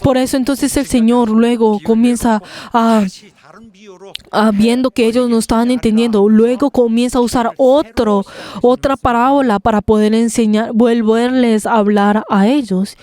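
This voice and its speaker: A woman interpreting a sermon live, speaking in halting phrases with frequent pauses and restarts. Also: a little high, fairly even intonation, dark tone.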